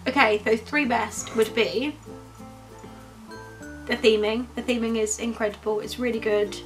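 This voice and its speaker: A woman's voice: fairly high pitch, fairly even intonation, unhurried, soft background music, low-quality recording. A woman co-hosting a casual review vlog, chatty and candid, laughing easily. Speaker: vlogger co-host.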